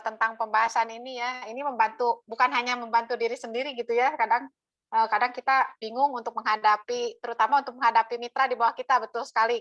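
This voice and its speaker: A woman taking part in an online training session, speaking haltingly with many hesitant fillers. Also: a little high, a bit bright, no echo. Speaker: training participant. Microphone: video call. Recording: dull lo-fi video call audio.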